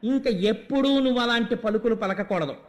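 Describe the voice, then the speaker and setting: A man's voice: sits high, a little fast, natural voice. A man voicing a frightened male teacher who anxiously scolds his young pupil, with a long hall echo. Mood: anxious scolding.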